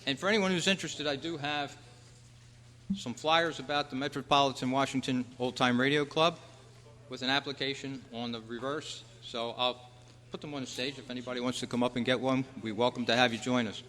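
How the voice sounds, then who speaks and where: A man with a mid-range, steady voice keeps things brisk and fairly bright while running a quiz and making announcements at a club meeting. The recording comes from a large convention meeting room that's echoey and full of long reverb.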